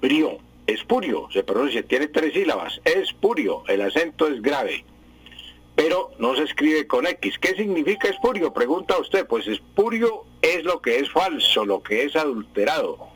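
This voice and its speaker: A man's voice: on the high side, big pitch swings, moderate pace, a bit bright, slightly rough, no room sound, low-quality recording. A man explaining word spelling and meaning to radio listeners in a patient, explanatory way with many fillers. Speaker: language expert answering listeners.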